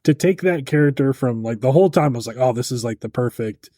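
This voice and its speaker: Rambling male co-host with a mellow voice. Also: medium pitch, no room sound, studio quality. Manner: rambling, halting, many restarts. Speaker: podcast co-host. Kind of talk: casual podcast chat.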